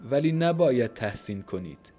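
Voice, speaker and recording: A man voicing a frail, starving performer who speaks in a faint, hushed voice in an audiobook. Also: medium pitch, lively intonation, faint music behind, natural voice. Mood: plaintive. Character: starving, frail man, proud yet resigned.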